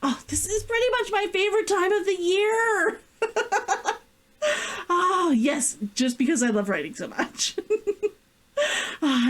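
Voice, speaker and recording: A woman with a high-pitched, highly animated voice takes her time as she talks. She's a vtuber host and author, giggly and effusive with long sighing interjections, excitedly chatting and reading aloud from her own novel.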